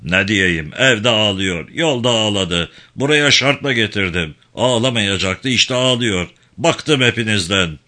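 A man's voice: fairly low pitch, expressive, unhurried, hardly any pauses, sharp tone. A man reading aloud, voicing a weary little old bearded father who grumbles, fed up.

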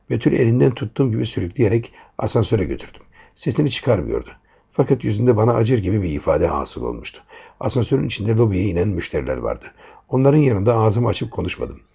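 A man's voice: fairly low pitch, gravelly, mellow, breathy edge. A man reading a first-person story aloud in a tense, dramatic way, in a dull lo-fi recording.

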